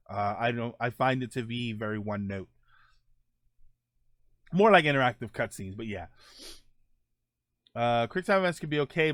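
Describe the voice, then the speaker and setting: In clean, dry studio sound, a streamer hosting a gaming show chats loosely with his audience, answering live comments and thinking aloud as he rambles. His voice is medium-pitched, fairly bright, and smooth.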